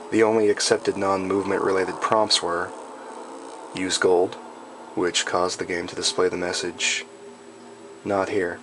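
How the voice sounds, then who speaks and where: A man reading a scripted horror story in a measured, deliberate and ominous storytelling manner. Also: low voice, background noise. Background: background music.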